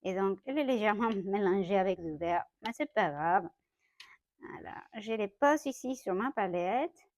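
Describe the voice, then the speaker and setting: A woman's voice: mid-range voice, animated, normal speed, no room sound. A young woman from Mexico with a Mexican Spanish accent, speaking French as a second language, giving a chatty watercolor tutorial in her home studio, often correcting herself. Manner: chatty, self-correcting, light laughs. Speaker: watercolor artist. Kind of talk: casual art tutorial.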